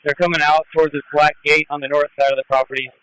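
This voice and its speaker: Brisk field officer over radio static. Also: male voice, on the high side, little pitch movement, fairly bright tone, clean tone, no room sound, poor audio. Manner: brisk, matter-of-fact reporting. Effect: two-way radio transmission with static bursts. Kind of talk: clipped police radio traffic.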